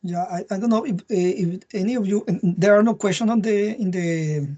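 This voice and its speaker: Webinar moderator, medium pitch, halting and repetitive, video-call audio. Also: dark tone, lo-fi sound. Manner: halting, repeats words. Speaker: webinar host.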